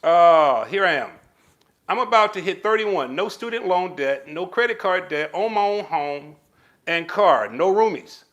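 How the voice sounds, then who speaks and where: The recording is muffled, but it's a man with a high-pitched, unhurried voice hosting a casual live stream. He answers viewer comments with relationship advice, animated and calling everyone "baby" and other pet names.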